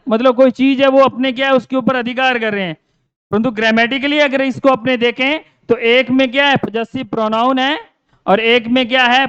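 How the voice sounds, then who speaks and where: A man's voice: very high-pitched, fairly bright tone, clear, resonant tone, dry recording, highs cut off. A male teacher giving a grammar lesson, repeating his own questions and answering them.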